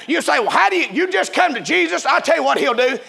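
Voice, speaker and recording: A man preaching a revival sermon in a chanting, shouting cadence. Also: very high-pitched, lively intonation, fast talker, gravelly.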